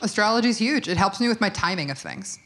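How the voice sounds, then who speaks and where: A young woman guest chatting casually in an interview. She is relaxed and chatty, swears freely and uses lots of fillers. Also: mid-range voice, quick pace. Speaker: podcast guest, witch and herbalist.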